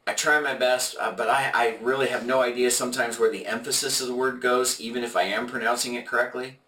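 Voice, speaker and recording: A man co-hosting a podcast, leading a conversational Bible study in a halting, explanatory way with many fillers and restarts. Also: medium pitch, steady tone, sharp tone. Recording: echoey room, mic at a distance.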